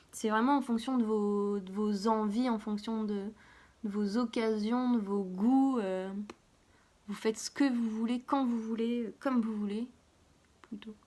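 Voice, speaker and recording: Woman host, fairly high voice, chatty live makeup tutorial, half-murmured asides while she works, self-mocking. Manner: chatty, talks while applying makeup, drops to a soft murmur when concentrating. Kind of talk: casual makeup tutorial chat.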